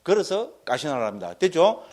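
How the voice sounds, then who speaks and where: Male Buddhist monk, dharma lecture, folksy asides, fairly high voice. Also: very animated, brisk, a little mellow. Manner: checks in constantly with listeners.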